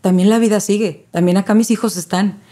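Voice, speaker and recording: A woman's voice: mid-range voice, steady tone, fairly quick, dark tone. A woman, a guest speaking as a maternity and grief specialist in a casual interview, earnest and repeating key phrases for emphasis.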